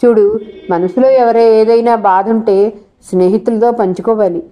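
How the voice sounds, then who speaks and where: A woman's voice: a little high, steady tone, moderate pace, muffled recording, natural voice. A woman reading as a teasing young college girl. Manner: teasing, coaxing.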